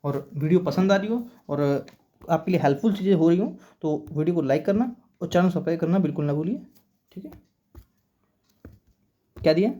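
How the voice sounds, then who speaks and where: Mellow-voiced man teaching English to exam students. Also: on the high side, a little fast, pauses often, muffled recording. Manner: explanatory, repeats "okay" to check understanding; spells words out letter by letter. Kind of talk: exam-prep vocabulary and grammar lesson.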